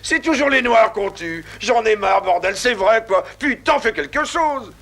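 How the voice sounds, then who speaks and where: A man dubbing a fretful prisoner into French, excitable and complaining, swearing often, with film music underneath. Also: sits high, unhurried, creaky, heavily acted. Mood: panicky. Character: loud, fretful man jailed, protesting innocence.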